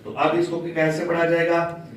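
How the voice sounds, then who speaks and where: A man teaching Quran recitation in a patient, step-by-step way, chanting example words slowly. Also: on the high side, monotone, very echoey, distant mic, crowd noise, low-quality recording. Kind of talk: slow religious lesson with chanted examples.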